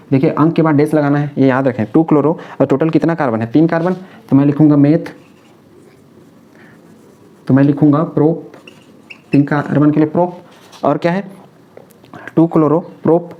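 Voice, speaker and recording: A man lecturing on chemistry at a brisk clip, his voice sitting a little high. He walks through each step, repeats the key terms and answers his own questions. The recording is dull and lo-fi. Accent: Hindi-speaking North Indian. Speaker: chemistry teacher. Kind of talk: classroom lecture.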